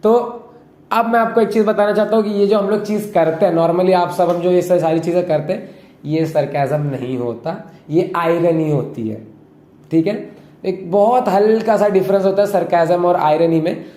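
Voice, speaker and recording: In an echoey room, a young man with a high, dark-toned voice hosts a casual talk at normal speed. He explains the topic and keeps checking in with his listeners.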